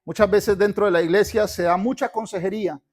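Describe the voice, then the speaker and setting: A Colombian pastor preaches fervently in a church sanctuary, urging the congregation to repeat after him during a sermon that includes church announcements. His high voice stays steady and moves a little fast.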